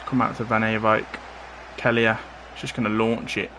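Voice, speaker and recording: A man livestreaming a football game, giving casual running commentary with bursts of excitement. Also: lowish voice, moderate pace, crowd noise. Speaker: streamer playing a football game. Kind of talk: live gameplay commentary.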